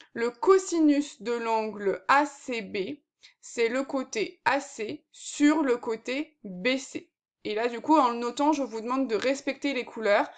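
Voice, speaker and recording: A woman with a high voice teaches a recorded maths lesson. She explains patiently, one step at a time, and fills her sentences with small verbal fillers.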